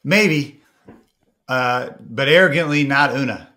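A man's voice: mid-range voice, slow pace, bright, forceful tone. A man speaking as a podcast guest, confident and playful as he talks up his company. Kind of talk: casual interview chat.

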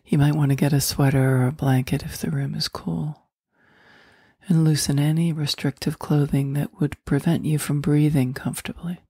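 Low slow woman doing a guided meditation, breathy whispery voice, mellow, dry sound. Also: level tone, dry recording. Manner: soft, slow, soothing, often whispered.

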